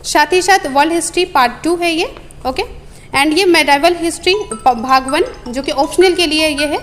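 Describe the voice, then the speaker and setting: Soft background music accompanies a coaching institute staffer as she explains and lists study material, one booklet at a time, with repeated phrases and frequent hesitations. Her voice sits high and a bit bright, at normal speed.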